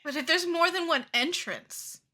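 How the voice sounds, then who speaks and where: A woman's voice: very high voice, moderate pace, bright, forceful tone. A woman co-hosting a podcast, chiming in with short, joking interjections in casual chat. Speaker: podcast co-host.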